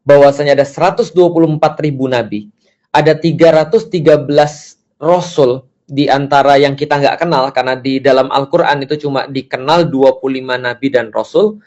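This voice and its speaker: A man giving a casual religious lecture as a preacher, lively and acting out the voices he quotes. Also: on the high side, lo-fi sound. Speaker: Islamic preacher.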